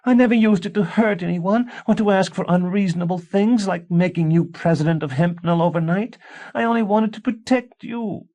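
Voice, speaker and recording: A man voices a frantic young wife in an audiobook, a secret witch who grows shrill while pleading and accusing. He speaks at normal speed with a warm tone, keeping the feel shrill and accusatory.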